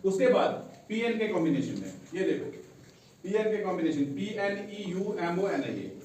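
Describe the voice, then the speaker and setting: A man's voice: sits high, sing-song, normal speed, darkish tone. A male English teacher giving a classroom lesson, quizzing his students with repeated call-and-response questions. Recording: very echoey room, mic far off, faint noise.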